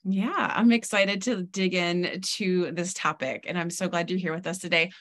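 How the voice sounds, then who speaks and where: A woman's voice: fairly low pitch, fairly even intonation, normal speed. A woman hosting a podcast on a video call, enthusiastically introducing and questioning her guest with casual fillers. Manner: enthusiastic, warm interviewer with fillers. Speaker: podcast host.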